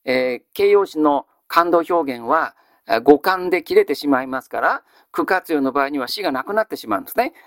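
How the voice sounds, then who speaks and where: A male teacher giving a grammar lesson. He asks a question, then answers it himself in a measured way. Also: a little high, expressive, fairly bright tone, no room sound, studio quality. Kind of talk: classical Japanese grammar lesson.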